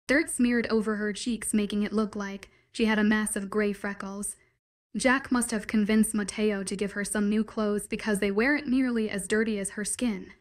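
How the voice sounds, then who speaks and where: A woman narrating a first-person story in a wry, conversational manner. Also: mid-range voice.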